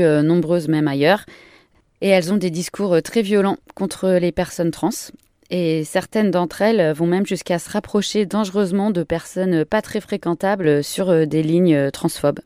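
A woman with a fairly low voice hosts a radio program, sounding earnest and explanatory. She hesitates often between phrases. The studio sound is dry and close. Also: dark tone, no echo. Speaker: radio show host. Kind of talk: scripted radio introduction.

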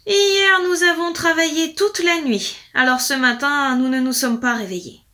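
A woman voicing a talkative, credulous peasant wife in a storybook reading, high and excited. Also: normal speed. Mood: eager, chatty.

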